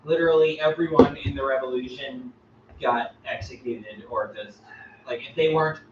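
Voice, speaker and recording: A man's voice: mid-range voice, moderate pace. Guy teaching kicks in a gym, chuckles a lot, far off mic, muffled and noisy. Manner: laughs often, loose rambling explanations. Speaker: martial arts instructor. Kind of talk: casual explaining during class. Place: indoor training gym. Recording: echoey, distant, muffled, noisy room.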